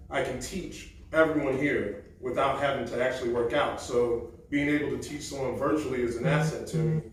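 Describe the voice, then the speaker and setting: A man giving a relaxed, confident self-introduction at an event, with frequent ums. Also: medium pitch, slight background noise. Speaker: event speaker. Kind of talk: casual self-introduction talk. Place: event room. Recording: echoey room from a distance.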